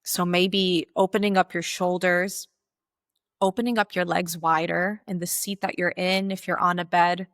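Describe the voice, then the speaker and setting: A woman with a slightly low, fairly bright voice guides a meditation, giving slow, deliberate instructions with pauses between phrases and little pitch movement. The recording is dry, with very little room in it.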